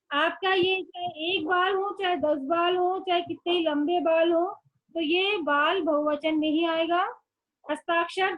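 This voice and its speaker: A woman's voice: extremely high pitch, highs cut off. A woman schoolteacher giving an online class lesson, speaking patiently and repeating words for young children.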